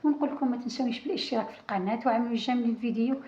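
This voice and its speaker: Fast-talking Algerian woman teaching crochet. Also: on the high side, warm tone. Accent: Algerian Arabic. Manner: talks while working, many restarts and counting. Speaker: crochet channel host. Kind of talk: casual crochet tutorial. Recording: roomy, dull lo-fi sound.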